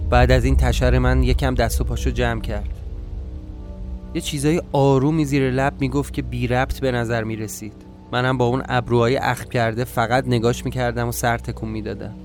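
A man of middle pitch reading a scripted first-person story for a podcast. His telling is calm, measured and matter-of-fact, with faint music underneath. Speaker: podcast narrator.

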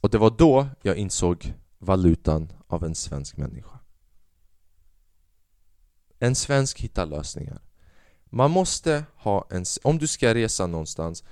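A man hosting a podcast, telling a story in a casual monologue, animated and swearing, acting out the people he quotes. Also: on the low side, smooth, no echo, studio quality. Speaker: podcast host; stand-up comedian.

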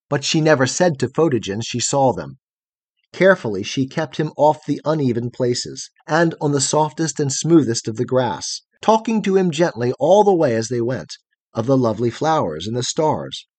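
A man narrating a fairy tale in an expressive, measured reading. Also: medium pitch, dry recording. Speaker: audiobook narrator. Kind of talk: storybook narration.

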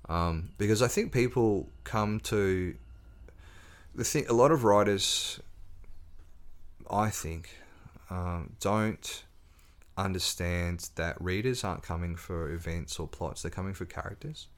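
Deep-voiced author telling stories. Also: male voice, takes it slowly. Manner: storytelling, relaxed, with fillers and restarts. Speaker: author and podcast guest. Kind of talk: casual interview chat.

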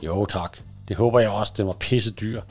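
Man reading as a loud, gruff giant biker. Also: on the low side, soft background music, natural voice. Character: huge tattooed adult male biker, gruff.

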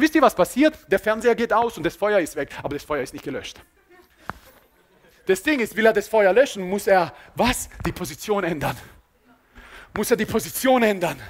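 Guy preaching, high voice that jumps all over, goes loud then drops real quiet. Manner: animated, repetitive preaching with sudden loud and soft swings; often drops to a low, quiet voice. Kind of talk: sermon.

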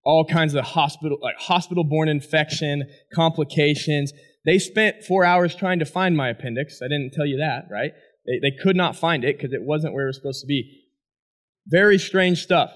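A man, a former college athlete, giving a personal testimony speech and telling his story with animated energy to an audience. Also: on the high side, moderate pace. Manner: animated storytelling, asks the crowd "right?".

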